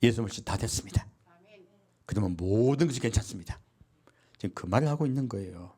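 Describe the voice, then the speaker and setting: A man's voice: lowish voice, fast talker, breathy edge. A man preaching a sermon as pastor, asking his congregation questions and answering them himself. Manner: lively preaching with call-and-response questions and acted quotes.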